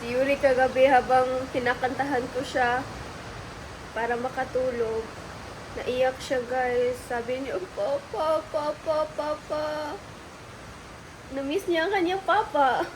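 A woman's voice: sits high, measured pace, noisy background. A woman vlogging casually at home, chatting to her viewers about the storm and her family. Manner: chatty, addresses viewers as guys. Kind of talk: casual family vlog chat.

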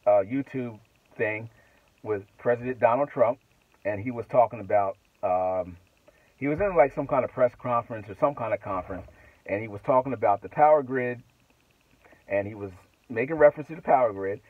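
Middle-aged man, trucker vlogger, rambling casual talk, husky voice, tinny phone-like audio. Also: mid-range voice, no echo. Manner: rambling, with restarts and asides. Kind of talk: casual monologue to camera. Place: inside a truck cab at night.

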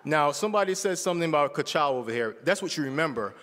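A man's voice: on the high side, animated, fast, fairly bright tone. Man in his forties preaching in a reverberant church. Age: 40s. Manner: chatty, checks in with the congregation. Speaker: church speaker. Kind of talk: casual conversational sermon. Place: church sanctuary. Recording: long reverb of a church hall.

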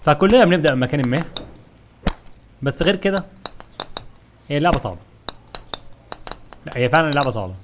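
A young man with an Egyptian Arabic accent, commenting on his gameplay in an animated, frustrated way as he talks to his viewers. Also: a little high, fast, pauses often, noisy background. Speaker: gaming YouTuber.

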